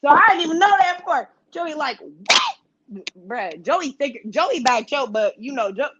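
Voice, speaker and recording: Speaking at a measured pace, this high-voiced woman is a podcast guest recounting a story with casual profanity. She performs the voices of the people she quotes with lots of energy, over slightly muffled, lo-fi audio with a bit of background noise.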